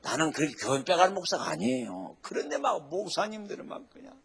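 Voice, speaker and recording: A male pastor preaching a sermon emphatically, swinging between loud exhortation and low quiet asides and calling on the congregation to say amen. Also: sing-song, quick pace, vocal fry. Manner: asks the congregation to say amen and repeat lines.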